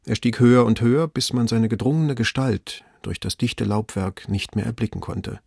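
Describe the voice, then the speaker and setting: A man narrating a story aloud in an expressive reading style. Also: mid-range voice, moderate pace, vocal fry, slightly rough, dry recording, clean studio sound. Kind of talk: audiobook reading.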